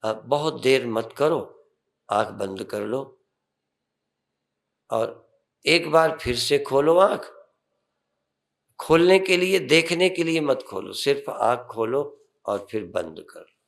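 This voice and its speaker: An older swami guides listeners through meditation in an unhurried, calm voice. His delivery is slow, and a gravelly fry runs through his tone. He lifts certain phrases for emphasis. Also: mid-range voice.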